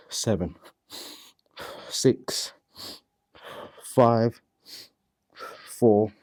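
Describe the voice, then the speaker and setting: Male Pilates instructor, slow and mellow, short of breath, steady counting cues. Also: lowish voice. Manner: calm cueing with breath counts. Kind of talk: guided workout instruction.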